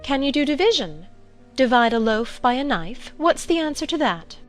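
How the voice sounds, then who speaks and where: A woman's voice: high-pitched, very animated, moderate pace, soft background music. A woman playing a feeble, plaintive, dithery queen in a dramatized storybook.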